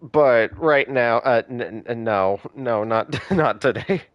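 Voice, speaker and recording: A man's voice: mid-range voice, takes it slowly, no room sound, dull audio. A man streaming a video game, chatting to viewers with rambling, self-conscious asides. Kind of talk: live game commentary.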